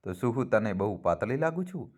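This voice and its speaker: A man's voice: on the low side, sing-song, fairly quick, darkish tone. A man reading as a playful young wife. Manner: playful bickering.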